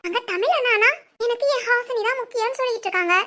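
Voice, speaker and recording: A woman's voice: very high-pitched, fast talker, bright, forceful tone. A woman voicing a nosy, chatty young girl in a cartoon, cheeky and gossipy, with a southern Tamil Nadu accent.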